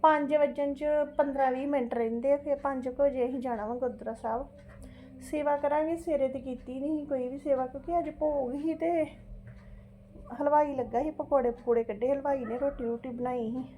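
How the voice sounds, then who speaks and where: A woman's voice: high-pitched, steady tone, brisk, mellow, a little hiss or hum. A middle-aged woman with a Punjabi accent, chatting casually as a home vlogger in a fretful, exclamatory way, repeating herself and checking for agreement. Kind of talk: casual chatty storytelling to viewers.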